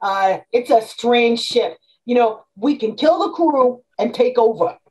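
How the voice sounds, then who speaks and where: A woman's voice: a little high, unhurried, a little mellow, natural voice, poor audio. A woman playing a sly male convict underling with a wheedling, whiny manner.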